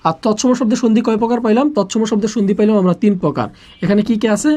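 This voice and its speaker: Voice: medium pitch, racing, a little mellow. Teacher, live online class, asks then answers, repetitive drilling. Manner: drills by asking a question, then answering it, many times over.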